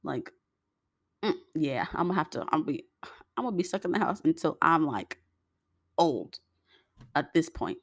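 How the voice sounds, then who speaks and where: A woman's voice: deep voice, very animated, moderate pace, long pauses, slightly rough, no echo, clean studio sound. A young woman, chatting straight to her viewers in a storytime vlog, full of fillers and asides. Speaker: vlogger.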